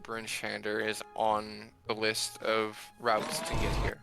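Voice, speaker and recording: A man voicing a faceless male companion who speaks in a flat, monotone way and gives earnest warnings. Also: fairly low pitch, slow pace, creaky, over music. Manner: solemn, protective warnings.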